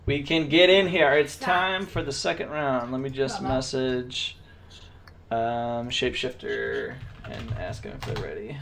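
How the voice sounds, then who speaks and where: A man's voice: mid-range voice, expressive, unhurried, gravelly, a bit bright, slight background noise. A man hosting and commentating a gaming tournament stream, chatty and joking with the live chat.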